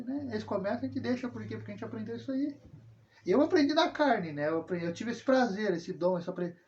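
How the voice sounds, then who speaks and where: A man with a high-pitched, slightly mellow voice rambles through a casual personal monologue full of tag questions and self-corrections. He is a religious video host from southern Brazil, recorded in dull lo-fi sound.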